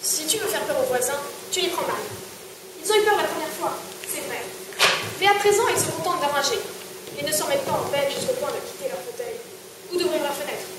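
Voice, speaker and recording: Young woman as a gruff hired swordsman, stage play, high voice, echoey far-off theatre, noisy. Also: fairly quick, natural voice. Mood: gruff, coaxing. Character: Scoronconcolo, rough loyal male hired swordsman. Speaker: student stage actor.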